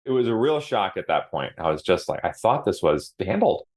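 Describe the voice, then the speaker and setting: Low-voiced man, thoughtful interview guest. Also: sing-song, a little mellow. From Hawaii. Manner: earnest and reflective, often slows down to stress words. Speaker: podcast guest. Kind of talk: casual interview answers.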